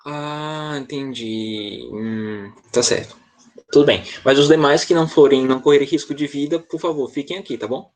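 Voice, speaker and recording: A man's voice: mid-range voice, normal speed. A Brazilian man teaching an online English class, talking casually and checking in with students often. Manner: chatty, relaxed, checks in often with "tá?".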